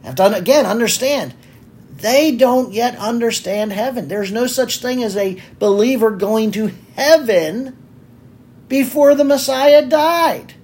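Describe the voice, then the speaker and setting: A man's voice: very high-pitched, unhurried, darkish tone. A man preaching a sermon on a psalm, earnest and pleading, with many fillers and restarts.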